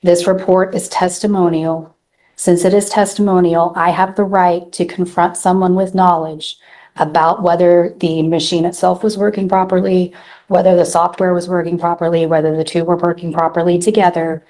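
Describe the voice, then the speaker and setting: A woman's voice: lowish voice, level tone, normal speed, dark tone. A woman defense attorney arguing methodically before a judge, heard in a courtroom recording. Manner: formal, methodical, presses point by point. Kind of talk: courtroom legal argument.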